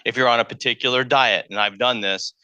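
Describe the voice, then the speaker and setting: A man lectures to a college audience in a relaxed, conversational way, often repeating a word as he gathers his thoughts. His voice is bright and pointed, and the sound comes through dull and lo-fi, with little room echo. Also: medium pitch, fairly quick, smooth. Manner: conversational, thinks aloud, repeats words. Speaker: math lecturer. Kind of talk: public lecture. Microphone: handheld mic.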